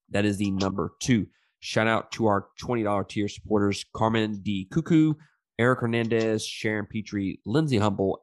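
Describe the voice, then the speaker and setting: A man's voice: on the low side, no room sound, clean studio sound. A man hosting a movie review podcast in casual, profane slang, with a stuffed-up, pinched-nose nasal sound from a sinus infection. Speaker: podcast host.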